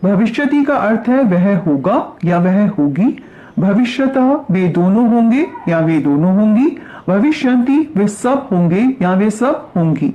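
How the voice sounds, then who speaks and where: A woman teaching a grammar lesson. She recites verb forms slowly, then asks questions and answers them herself. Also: medium pitch, lively intonation, mellow. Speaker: Sanskrit teacher.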